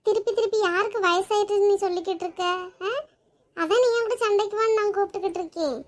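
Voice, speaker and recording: A woman voices a bossy, quarrelsome old mother-in-law in a cartoon, speaking in an extremely high pitch at a quick pace. She scolds, makes demands, and picks fights.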